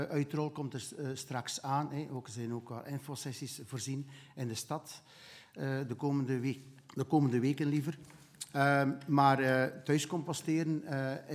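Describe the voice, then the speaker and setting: A Flemish man speaking as a council member. He asks his questions hesitantly, pausing often. His voice sits in a middle pitch. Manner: hesitant, many fillers. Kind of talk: asking questions at a council meeting.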